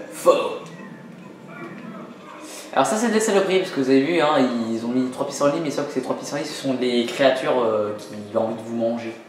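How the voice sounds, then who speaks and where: A man's voice: medium pitch, fast talker, few pauses. A man giving casual, self-mocking commentary while playing a video game, with lots of fillers. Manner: joking, self-mocking, many fillers, laughs often. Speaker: let's play host. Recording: very echoey room with game music.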